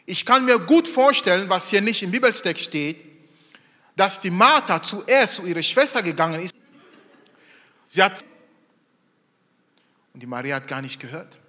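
A man preaching a sermon in an animated way, acting out the voices of people in his story. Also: high-pitched, normal speed, pauses often, long reverb tail. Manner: animated, acts out quoted voices.

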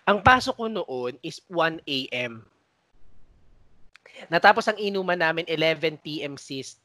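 A woman's voice: low-pitched, expressive, measured pace, pushed and bright, no room sound. A Filipino woman co-hosting a podcast, recalling old work stories in casual chat, laughing often and mimicking coworkers. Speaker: podcast co-host.

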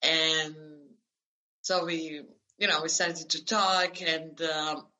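An Italian-born woman in her thirties talks slowly and hesitantly, full of fillers and restarts. Her voice sits a little low but sounds bright and forward. She is a guest in an easygoing interview. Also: level tone, poor audio. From Italy. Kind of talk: conversational interview.

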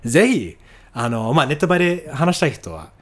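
A man's voice: a little high, sing-song, normal speed. A man co-hosting a podcast, chatting casually and enthusiastically in slangy, agreeable speech about what he watched. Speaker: podcast co-host. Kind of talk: casual review chat between co-hosts.

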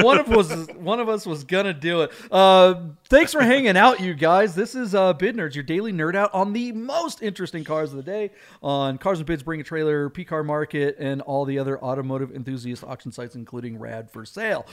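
Man, slightly high voice, casual car-show host, joking, rambling sign-off. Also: normal speed, few pauses.

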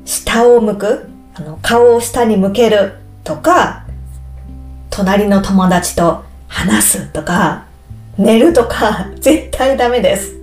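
Woman, slow careful explaining, higher voice, roomy echo, faint music behind. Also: darkish tone. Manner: slow, clear, explaining simply with repetitions. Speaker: Japanese teacher for learners. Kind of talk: slow explanatory podcast talk.

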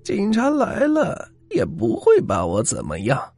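A man voicing a sinister old granny in a ghost story, with a low, creaky, cackling voice. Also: huge pitch swings, measured pace, a little mellow, no echo, faint music behind, full character voice. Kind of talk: storytelling character voice.

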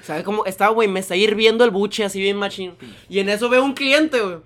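A young Mexican man tells a story in slangy casual chat, acting out the people in it. His voice sits high and bright, and he talks fast. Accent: Mexican Spanish.

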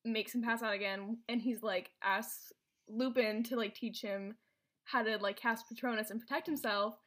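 A woman's voice: on the high side, steady tone, normal speed, fairly bright tone. A woman retelling a film's plot to a friend in casual chat, rambling, with many fillers and restarts. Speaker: presenter recapping a film.

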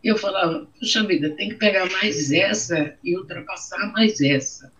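A crowd can be heard behind a middle-aged woman with a Brazilian accent as she shares her personal story in an interview, emotional and circling back to the same phrases. Her voice is medium-pitched at a moderate pace, and the recording is dull and muffled.

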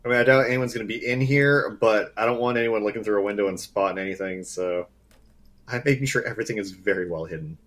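A man playing in a tabletop role-playing game, speaking casually and halting, often repeating words. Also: on the low side, fairly bright tone. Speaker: player.

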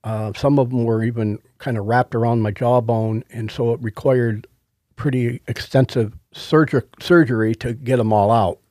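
A man's voice: mid-range voice, fairly even intonation, moderate pace, warm tone, no room sound, studio quality. A middle-aged man with toothless, lisping speech, talking earnestly and casually as a podcast co-host giving a personal testimony. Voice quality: toothless, lisping speech after oral surgery.

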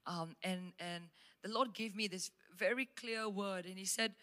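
A woman's voice: mid-range voice, a little slow. A woman pastor with a Malaysian English accent, preaching and telling stories emphatically at a church service. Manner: emphatic, animated storytelling. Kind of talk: sermon storytelling. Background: faint instrumental worship music.

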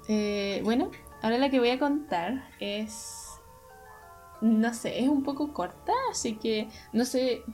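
A young woman with a Chilean Spanish accent co-hosts a podcast, telling a story in casual, rambling chatter packed with fillers. Her voice is on the high side and a little mellow.

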